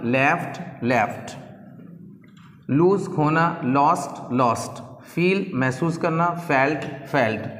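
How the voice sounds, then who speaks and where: A man is teaching English grammar, speaking slowly and repeating each verb form. His voice sits a little high for a man. The room is echoey, with a long reverb trailing behind each word. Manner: reads verb forms aloud slowly, repeating each one. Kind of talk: slow spoken-English grammar lesson.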